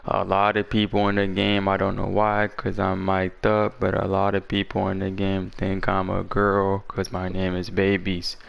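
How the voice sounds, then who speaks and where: A man's voice: deep voice, monotone, normal speed, vocal fry, hardly any pauses, smooth. A man talking casually and in slang as he presents a game build guide, his voice a little parched from being sick. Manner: informal, slangy talk.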